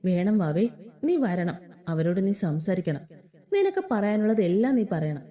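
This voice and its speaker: A woman voicing a protective young husband who speaks softly and coaxingly. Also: mid-range voice, big pitch swings, a little slow, pitched below the performer's own voice. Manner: soft, coaxing.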